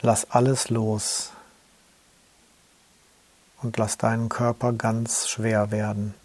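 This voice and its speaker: A man slowly guiding a yoga nidra relaxation in a calm, soothing way. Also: lowish voice. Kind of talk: guided relaxation instructions.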